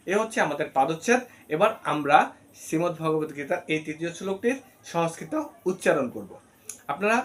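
A man teaching Sanskrit pronunciation in a recorded class, explaining patiently step by step and often checking that the listeners follow. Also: high-pitched. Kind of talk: recorded online class lesson.

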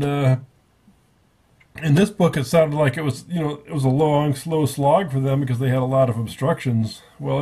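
Warm in tone and slightly rough, this man's voice is a little high. He's a book reviewer speaking casually at a table, rambling through his review and correcting himself often, with an offhand manner.

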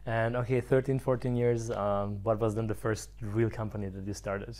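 A young man in his twenties who grew up in Croatia, hosting a podcast and asking friendly, quick questions in an office lounge. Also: on the low side, little pitch movement, a little mellow. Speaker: podcast host. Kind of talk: podcast interview. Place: modern office lounge, indoors.

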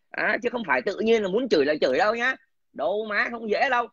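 A man's voice: sits high, a bit bright, husky, no room sound. A man in a crude, aggressive, profanity-filled rant, scornfully talking down to his listener. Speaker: political commentator. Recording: dull lo-fi dry recording.

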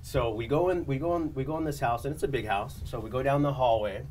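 Animated man telling a story, mic distant. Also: medium pitch, fast, slight background noise. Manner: animated storyteller, laughs often, acts out quotes. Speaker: real estate agent. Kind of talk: telling an anecdote on a studio panel show. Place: studio.

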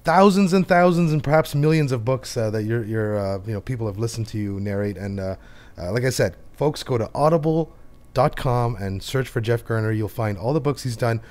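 A man's voice: mid-range voice, a little mellow. A man hosting a book podcast, upbeat and jokey, introducing segments and chatting with guests. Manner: upbeat, jokey, quick to laugh. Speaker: podcast host.

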